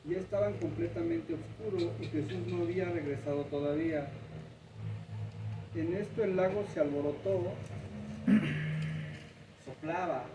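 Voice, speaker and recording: A man with a fairly high voice reads a Bible passage aloud in a plain, steady way. He sounds distant in an echoey room, and clear noise runs under his voice. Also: unhurried, long pauses. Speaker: scripture reader. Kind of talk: Bible reading.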